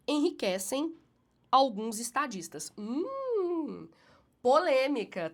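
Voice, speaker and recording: A woman teacher with a cold, sounding a bit nasal, corrects a student essay in a voice on the high side. She slows down to read passages aloud with emphatic rises, then explains briskly.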